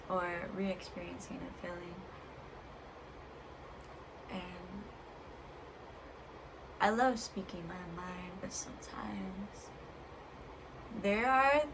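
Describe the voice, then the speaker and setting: A woman speaking as a vlogger in a reflective personal monologue, earnest and halting, pausing between short phrases. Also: mid-range voice. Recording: clear background noise.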